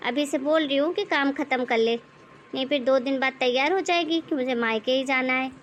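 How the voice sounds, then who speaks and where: A domineering mother-in-law barks orders and mocks her daughter-in-law in a high, sharp-edged tone, as a woman voices her. Her sarcasm never lets up as she commands and taunts for an animated moral story. A faint hum of room noise sits behind her. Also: a little fast, dull audio, lightly acted. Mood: bossy. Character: bossy middle-aged mother-in-law, scolding and mocking.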